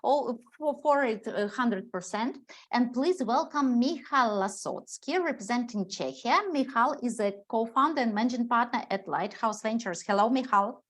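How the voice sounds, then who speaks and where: A woman hosts a startup pitch event over video, introducing each judge with upbeat thanks. Her voice sits a little high. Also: normal speed, fairly bright tone. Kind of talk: online event hosting.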